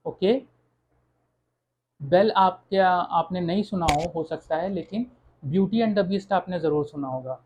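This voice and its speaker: A French teacher giving an online lesson, speaking slowly and checking in with "okay" after each point. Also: medium pitch, darkish tone, a little hiss or hum, poor audio. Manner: slow, repeats words, says "okay" often.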